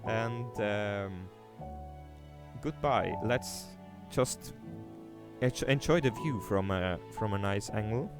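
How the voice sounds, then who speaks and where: With music in the background, a young man from Switzerland speaks slowly in a low voice and a Swiss German accent. He's livestreaming a city-building game, commenting casually and reading chat aloud with many hesitations, fillers and restarts.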